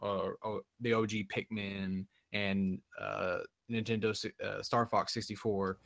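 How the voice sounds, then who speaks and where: A man's voice: lowish voice, flat delivery, a little slow, gravelly, fairly bright tone, no room sound, studio quality. A man co-hosting a casual gaming podcast, talking with eager enthusiasm. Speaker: podcast co-host.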